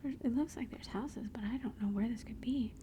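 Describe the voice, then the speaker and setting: A mother with a fairly high voice whispers briskly through an ASMR session showing family photos, chatting and gushing affectionately about her children. The background is noisy.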